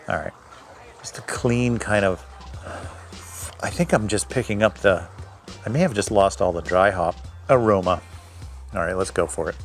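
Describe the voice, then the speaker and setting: A man's voice: sits low, moderate pace, long pauses, soft background music. A man reviewing his own home-brewed beer in a casual tasting video, thinking aloud and correcting himself as he goes. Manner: describes aromas and flavors in detail.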